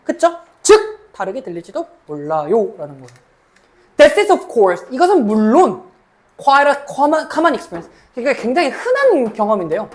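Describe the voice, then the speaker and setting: A woman lecturing as a cram school English teacher, reading English sentences slowly, then explaining them in Korean and checking in with her students. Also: a little high, sing-song. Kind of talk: mock exam explanation lecture.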